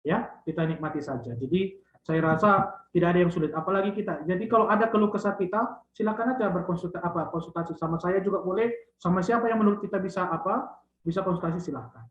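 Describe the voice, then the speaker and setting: A man, a lecturer guiding students on their theses, who closes phrases with a drawn-out tag and teases. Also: sits high. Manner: drawn-out "gitu dia" tags, teasing. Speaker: thesis supervisor lecturer. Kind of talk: online thesis guidance talk. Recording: echoey, dull lo-fi sound.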